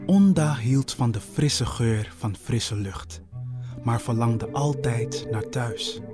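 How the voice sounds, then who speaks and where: Slow-telling male storyteller. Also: mid-range voice, music in the background. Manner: slow, playful, wordplay-heavy. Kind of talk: storybook narration.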